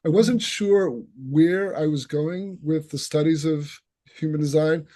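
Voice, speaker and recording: This man speaks at a measured pace in a fairly high, mellow voice with a Boston accent, as you'd hear in the northeastern US. He's an instructor presenting himself at an online open house over video call, sharing his background earnestly.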